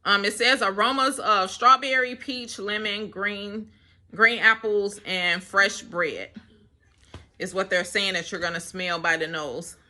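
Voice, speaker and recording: A young woman talks casually to her camera in a loose, rambling way. Her voice is bright and forward, and she breaks into quick laughs between thoughts. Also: medium pitch, steady tone. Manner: chatty, laughs often, rambling. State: slightly winded. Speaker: vlogger. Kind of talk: casual chat.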